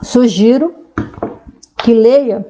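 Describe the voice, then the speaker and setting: A woman's voice: a little high, very slow, warm tone, poor audio. A woman sociologist talking casually to viewers, explaining ideas and reading aloud from a website, with frequent tag questions. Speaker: sociologist commentator.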